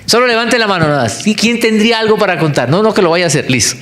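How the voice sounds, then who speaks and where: A man's voice: sits high, quick pace, a little hiss or hum. A man with a Colombian accent preaching a sermon in a church, telling stories and asking the congregation questions. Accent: Colombian, Bogotá. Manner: animated storytelling, asks the congregation questions.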